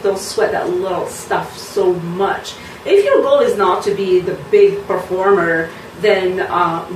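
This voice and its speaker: A woman's voice: lowish voice, recorded from a distance, background noise. Frank, chatty woman in a roomy space. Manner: frank, lively, many ums and you knows. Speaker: belly dance teacher. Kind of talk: casual chat to camera.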